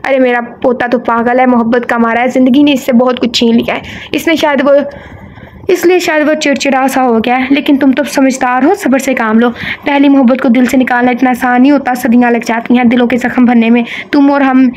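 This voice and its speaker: Brief: woman voicing a wise old grandmother, soothing and tender, high voice. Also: fairly even intonation, brisk, darkish tone, a little hiss or hum, natural voice.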